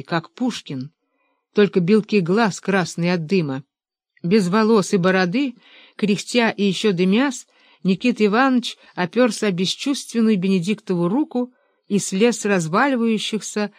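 A woman reads a novel aloud in a measured, expressive way. Her voice sits at a middle pitch. The recording is close and dry. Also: dry recording. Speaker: audiobook narrator. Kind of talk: scripted literary narration.

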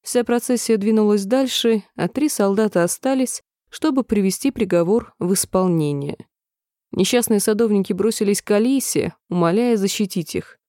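Brief: woman audiobook narrator, mellow dark tone, dry close mic. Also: mid-range voice, no room sound. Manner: calm, measured reading with voiced characters.

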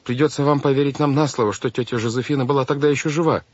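A man reading an audiobook, voicing an angry clever boy who shouts and snaps back. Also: mid-range voice, steady tone, rapid-fire, no room sound, muffled recording, voice pushed up, lightly acted. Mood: defiant. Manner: shouting, snapping.

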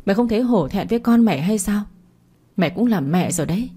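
A woman's voice: mid-range voice, animated, fast talker, dark tone. A woman voicing an older mother, bitter and betrayed, scolding her daughter harshly. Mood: furious. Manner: harsh scolding, rough familiar address.

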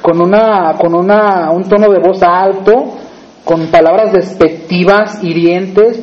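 A man with a Mexican Spanish accent preaches a sermon in a conversational style, often turning to the congregation with questions. His voice is high-pitched with a darkish tone, and the audio sounds dull.

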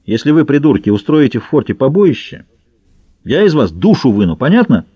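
Guy doing a grumpy baron barking orders, dark low tone, dull sound. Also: sing-song, brisk, husky, no room sound. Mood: gruff. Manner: curt, barking, threatening. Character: gruff irritated male baron on the phone. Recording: slightly dull dry recording.

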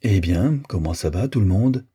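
A man reading the lines of a weary middle-aged gentleman in an audiobook, restrained and gently gruff. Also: low-pitched, expressive, normal speed, exaggerated voice.

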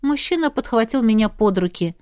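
A woman narrates a first-person audiobook in a steady, even manner. Her voice sits a little high. The recording is close and dry, with no room echo. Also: brisk, smooth. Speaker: audiobook reader.

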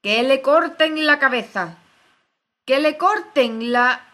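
A woman voicing a haughty, hot-tempered queen of playing cards in a storybook reading, barking orders and shouting. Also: fairly low pitch, lively intonation, slow pace. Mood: furious shouting.

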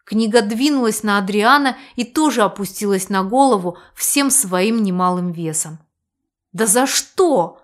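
A woman narrating a first-person audiobook romance in an expressive, emotional reading style. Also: mid-range voice, normal speed, hardly any pauses.

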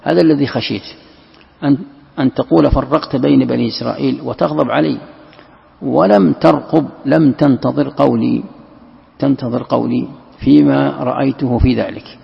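A male scholar explains a text in a lesson and often repeats words for emphasis. His voice is heavily gravelly and very husky. The dull, lo-fi recording carries a long reverb from the hall. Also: medium pitch, steady tone, a little fast. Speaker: Islamic scholar teaching Quran commentary. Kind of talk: classroom commentary lesson.

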